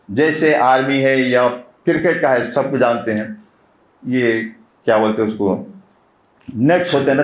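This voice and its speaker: Earnest preacher man, roomy echo. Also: on the high side. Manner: earnest, repeats key phrases for emphasis. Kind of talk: informal religious talk.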